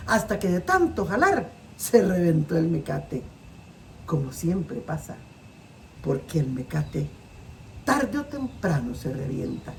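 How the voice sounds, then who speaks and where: A woman with a Costa Rican accent, a storyteller telling folk tales in a playful, animated way. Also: medium pitch, gravelly. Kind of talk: oral folk-tale telling. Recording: distant mic with faint noise.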